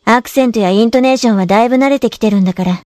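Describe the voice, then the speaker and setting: A woman voicing a brisk, teasing big-sister instructor with a Kansai accent. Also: a little high, a little mellow, no echo, studio quality, natural voice. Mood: bossy.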